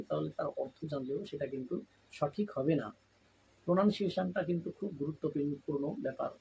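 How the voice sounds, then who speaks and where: A man teaches English in a patient lesson. His voice sits a little high, with a gravelly edge. He breaks words into syllables and spells each letter slowly over faint background noise. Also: a little mellow, rough recording. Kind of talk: spoken lesson.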